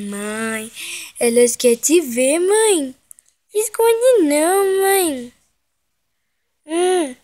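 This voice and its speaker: A young woman, filming her dog on her phone at home. She coos and pleads in a high, unhurried baby-talk voice. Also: expressive, dark tone. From Brazil. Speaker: vlogger. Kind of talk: casual vlog, coaxing her pet.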